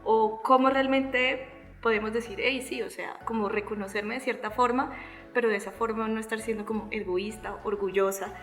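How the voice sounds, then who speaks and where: A woman's voice: fairly high pitch, fairly even intonation, moderate pace, a bit bright, faint music behind. Thoughtful Colombian woman hosting. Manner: thoughtful, hesitant, many fillers and tag questions. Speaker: host. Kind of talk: casual faith-based podcast chat.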